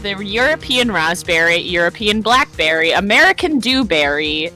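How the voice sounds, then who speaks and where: Bright, animated co-host on a game stream; laughs a lot. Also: mid-range voice, normal speed, faint music behind. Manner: laughs a lot, reads facts aloud. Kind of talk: casual let's-play chat.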